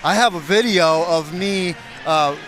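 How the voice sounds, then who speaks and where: High-voiced American man, sports co-commentator. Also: a little slow, fairly bright tone, slight background noise. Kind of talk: casual banter. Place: courtside in a school gymnasium.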